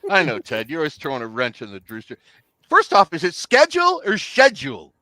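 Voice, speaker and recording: A man co-hosting a casual sports talk show, animated and jokey, laughing easily as he answers. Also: medium pitch, fast, no room sound. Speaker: podcast co-host.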